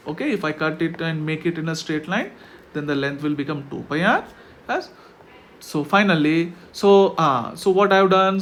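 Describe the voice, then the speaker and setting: A man's voice: on the high side, a bit bright, slight background noise. A man with an Indian accent teaching maths step by step, often stopping to check understanding with short tag questions. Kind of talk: online maths lesson explained step by step.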